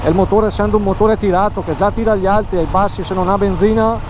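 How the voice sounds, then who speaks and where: A man giving casual motovlog commentary from inside his helmet while riding, halting and repeating his phrases. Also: high-pitched, steady tone. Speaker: motorcycle vlogger. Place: outdoors, riding a motorcycle. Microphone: helmet microphone. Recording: engine and wind noise behind voice.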